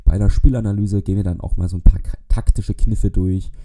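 A man's voice: lowish voice, fairly even intonation, brisk, warm tone. A man hosting a solo podcast, explaining things at length with frequent hesitations. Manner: explanatory, many filler hesitations. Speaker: podcast host.

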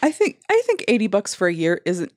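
A co-host of a gaming podcast chats in a lively voice that rises and falls a lot. The recording is close and dry, and this speaker chimes in often and laughs easily. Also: medium pitch, brisk, dry recording. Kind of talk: casual chat.

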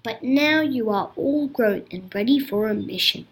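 A woman's voice: fairly high pitch, lively intonation, measured pace, breathy edge, full character voice. A woman voicing a kindly male monster king in a children's story, fond and welcoming toward visitors. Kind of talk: storybook character voice.

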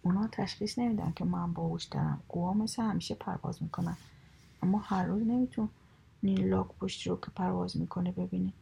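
A vain, chatty storybook turtle who brags and snaps at anyone who doubts him, as a woman reading the tale puts him on. The voice is husky and gravelly, with a dark, mellow tone. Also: lowish voice, steady tone, heavily acted. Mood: boastful. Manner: boastful, snappish. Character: proud talkative male water turtle.

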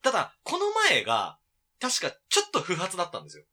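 A man co-hosting a casual radio chat show, telling stories politely and laughing often. His voice is bright, and he talks fast, with a pitch that swoops up and down. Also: huge pitch swings, breathy edge.

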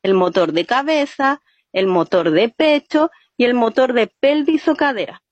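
A woman's voice: fairly high pitch, lively intonation, a little slow, no echo. A woman, a storytelling teacher, explaining voice and body exercises step by step in an interview. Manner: patient, explains step by step with "¿cierto?" checks. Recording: muffled, dry sound.

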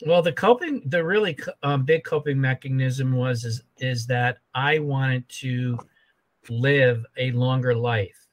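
A man's voice: medium pitch, unhurried, low-quality recording. A man in his sixties, a holistic health coach, talking as a podcast guest and repeating his points in a rambling way. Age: 60s. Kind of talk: casual podcast conversation.

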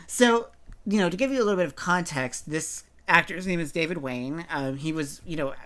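A man's voice: on the high side, brisk, bright, forceful tone. A man from Appalachia co-hosting a podcast, chatting loosely about a TV show with many fillers and self-corrections. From Appalachia, United States. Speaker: podcast co-host. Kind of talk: casual chat about a TV show.

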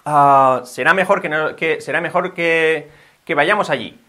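A man's voice: a little high, measured pace, sharp tone. A man with a Spain Spanish accent, giving an upbeat, patient video lesson as a language teacher.

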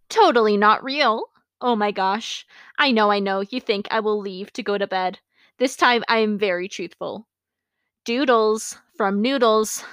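A woman's voice: medium pitch, fairly bright tone, dry recording. A woman hosting a podcast, reading her childhood journal entries aloud and breaking off for amused, self-mocking comments and laughs. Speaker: podcast host.

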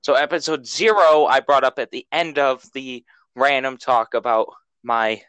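A man's voice: mid-range voice, normal speed, fairly bright tone, clear, resonant tone, no room sound, low-quality recording. Rambling man joking on a podcast. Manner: rambling, laughs often, stumbles over words. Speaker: podcast co-host. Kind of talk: casual banter.

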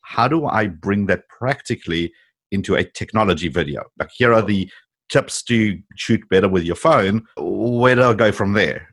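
Low-voiced man in a casual interview. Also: moderate pace, fairly bright tone. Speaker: interviewer and technology YouTuber.

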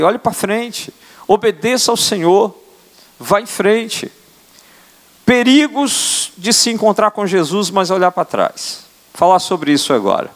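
Older male apostle, high-pitched, earnest sermon delivery, church hall reverb. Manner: earnest preaching, tag questions. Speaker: apostle preaching. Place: church sanctuary.

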